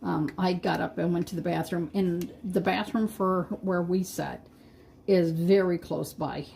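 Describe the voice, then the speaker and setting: A woman's voice: on the low side, fairly even intonation, measured pace, vocal fry, dark tone, slight background noise. A middle-aged woman hosting a live craft stream, chatting casually with viewers and talking to herself as she paints. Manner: chatty, talks to herself and to viewers, laughs at her own slips.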